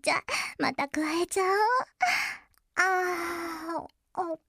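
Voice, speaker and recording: A woman voicing a teasing, seductive adult younger-sister character in an intimate audio drama, speaking softly and slowly with frequent giggles. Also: very high-pitched, level tone, dry recording, studio quality, heavily acted. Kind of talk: intimate audio role-play.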